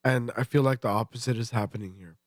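A man's voice: mid-range voice, fast talker, no echo, studio quality. A congested man co-hosting a podcast, swearing and laughing as he describes a beer in casual detail. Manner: profane, joking, laughs often. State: stuffy, congested. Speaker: podcast co-host. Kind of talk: casual beer-tasting chat.

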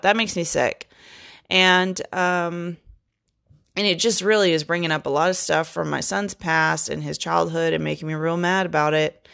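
Gravelly-voiced woman venting bluntly. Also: medium pitch, fairly bright tone. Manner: blunt, profane, rambling. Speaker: podcast host. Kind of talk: casual venting monologue.

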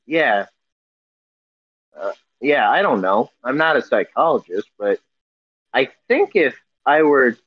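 A man co-hosting a casual podcast over a video call, reading out news headlines in a halting way full of fillers and self-corrections while his audio breaks up. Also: mid-range voice, dry recording. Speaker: podcast co-host. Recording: dull, muffled call audio.

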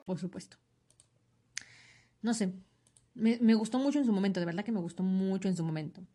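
A woman's voice: medium pitch, fairly quick, faint music behind. Chatty woman reviewing comics. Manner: chatty, opinionated, animated asides. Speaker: podcast host reviewing comics. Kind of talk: casual chat.

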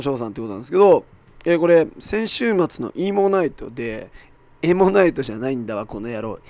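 Hoarse, raspy man hosting a podcast. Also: on the high side, a little mellow, dry recording. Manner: self-deprecating, apologetic, with mock-quoted asides. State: hoarse, worn-out voice from shouting at an event. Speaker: podcast host. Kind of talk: casual solo podcast monologue.

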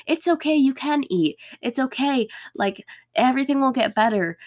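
A young woman hosting a casual solo podcast, speaking candidly, her voice a little thick and throaty, as if getting over swollen tonsils or a sore throat. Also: mid-range voice. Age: young adult. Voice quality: slightly altered voice after a bad sore throat, thick and throaty. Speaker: podcast host.

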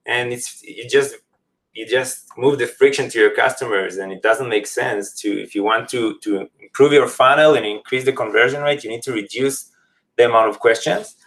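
Guy, medium pitch, explaining stuff on a podcast in slightly english. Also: moderate pace, a bit bright. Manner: non-native English phrasing. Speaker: company representative, podcast guest. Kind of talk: casual interview, explaining a product.

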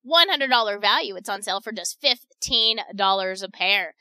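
A woman hosting a shopping deals radio show, delivering an upbeat, partly ad-libbed sales pitch. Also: lively intonation, brisk, sharp tone, clear, resonant tone, no echo.

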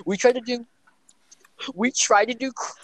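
A man's voice: very high voice, moderate pace, dry recording. A young man co-hosting a podcast, chatting casually and rambling through band stories while acting out what people said. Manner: rambling storyteller, acts out quotes. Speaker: podcast co-host and band member. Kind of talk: casual chat.

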